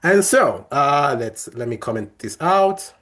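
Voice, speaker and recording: A man's voice: on the high side, big pitch swings, measured pace, a bit bright. A young man leading a coding workshop, explaining each step in a friendly way with many fillers and restarts. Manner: friendly, talks through steps with frequent fillers and restarts. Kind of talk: live coding tutorial.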